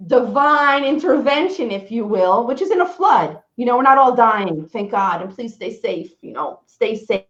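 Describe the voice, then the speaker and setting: A woman's voice: on the high side, animated, moderate pace, hardly any pauses. A woman from Israel, a guest on a live video call, talking in an upbeat, encouraging way while her call audio breaks up. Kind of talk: casual motivational chat. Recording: roomy, dull, choppy call line.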